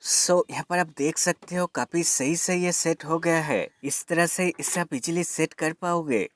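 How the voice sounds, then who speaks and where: A tech reviewer gives an installation tutorial, his voice a little high and a little slow, with soft music in the background. He walks viewers through the product step by step, calls them friends, and mixes in English words.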